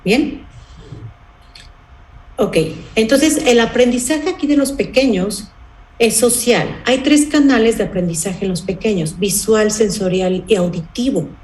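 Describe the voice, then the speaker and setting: A woman with a voice on the high side and a slightly mellow tone leads a parenting workshop at a measured pace. She explains patiently and often asks her audience "¿sí?" or "¿bien?". The room echoes and the recording is rough.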